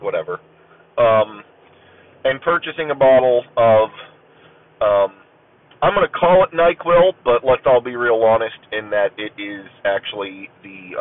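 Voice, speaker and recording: On tinny, phone-like audio, a medium-pitched man from Ohio rambles through a casual solo episode of his own podcast. He's stuffy and clears his throat like a cold is coming on, full of ums and uhs and self-deprecating remarks.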